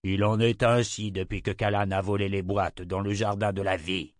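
A man reading a cruel emperor in an audiobook, in his own low voice. He speaks slowly and coldly, commanding and contemptuous, recorded close and dry. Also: flat delivery, no room sound, lightly acted. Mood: menacing. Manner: slow, cold, commanding. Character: cruel male emperor, menacing and imperious.

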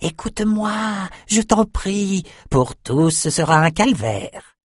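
A man reading an audiobook, voicing an excitable, half-mad albino male shaman who chants his lines. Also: high voice, slow, breathy edge, no echo, clean studio sound, pitched above the performer's own voice, full character voice. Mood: feverish urging. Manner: singsong, chanting. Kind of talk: audiobook character voice.

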